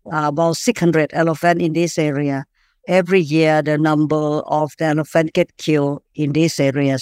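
A woman from Thailand with a Thai accent, answering interview questions as an activist in halting, non-fluent English. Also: sits low, a little mellow, clean tone, dry recording, clean studio sound. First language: not English. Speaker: animal rights activist, interview guest.

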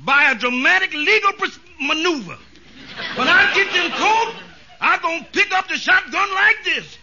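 An actor playing a slow-drawling, self-satisfied small-time male lawyer in an old radio sitcom, on a lo-fi recording. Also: very high-pitched, lively intonation, very noisy. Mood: scheming. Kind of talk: 1950s radio sitcom acting.

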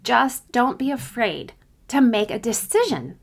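A woman's voice: fairly high pitch, very animated, measured pace, creaky. Encouraging woman podcaster giving informal advice. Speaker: podcast host and coach. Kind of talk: conversational solo podcast coaching talk.

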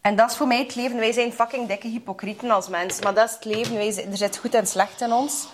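A woman's voice: fairly high pitch, fairly even intonation, fast, background noise. A woman with a Flemish accent hosting a podcast in casual chat, chatty and slipping English phrases into her talk. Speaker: podcast host.

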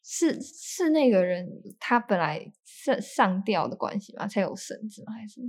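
A woman's voice: mid-range voice, sing-song, normal speed, a little mellow. A woman co-hosting a casual chat who chimes in with short questions. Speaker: co-host.

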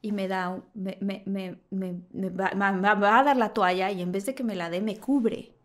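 A woman's voice: medium pitch, fairly even intonation, normal speed. A woman with a Mexican accent, a talk show guest who tells a funny story, acting out the lines of others and laughing often. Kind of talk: animated anecdote telling.

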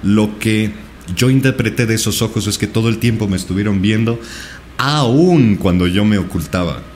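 Man with a low voice retelling something intense, repeats himself a lot, faint background hiss. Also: normal speed, a little mellow. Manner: intense, earnest retelling with many repetitions. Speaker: guest. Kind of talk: personal storytelling in a podcast interview.

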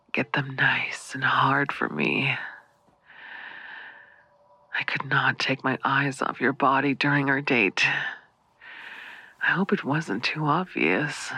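Man murmuring in slow, gravelly whispers. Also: medium pitch, no echo. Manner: soft, breathy half-whisper, slow and lingering. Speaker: audio roleplay performer. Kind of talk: intimate whispered audio roleplay.

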